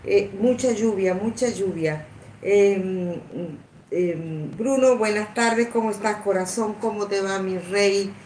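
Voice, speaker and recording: A woman's voice: mid-range voice, slow, distant mic. A woman hosting a casual livestream, greeting viewers by name with affectionate pet names, chatty and laughing often. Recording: echoey room with faint background noise.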